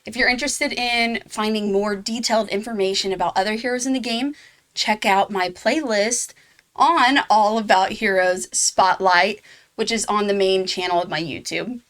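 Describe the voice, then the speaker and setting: A woman's voice: medium pitch, normal speed, a bit bright. A woman hosting her own game guide video, talking casually and laughing at herself now and then. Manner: chatty, laughs at herself, fillers. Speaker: gaming channel host.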